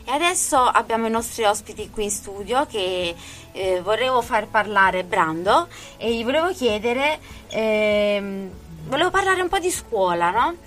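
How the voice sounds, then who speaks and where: A woman's voice: fairly high pitch, lively intonation, unhurried, fairly bright tone, soft background music. A woman hosting a radio interview in a studio, prompting her guests in an encouraging way.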